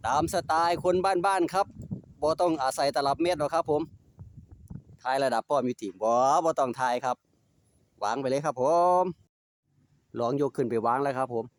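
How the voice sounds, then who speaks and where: This DIY vlogger's voice is a little high, and he has an Isan (Northeastern Thai) accent. Doing work in his home yard, he narrates in a casual, easygoing, chatty way, using polite particles and speaking to his dogs.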